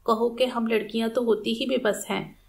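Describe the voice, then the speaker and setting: A woman's voice: a little high, level tone, vocal fry. A woman reading the lines of a wronged young wife, accusing and pleading in an audiobook novel. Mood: anguished. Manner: pleading, reproachful questions.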